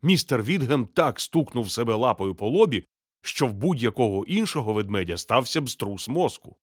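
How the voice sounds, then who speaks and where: A man narrating a children's storybook in a steady, measured, gently expressive reading. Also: medium pitch, breathy edge, dry recording, studio quality.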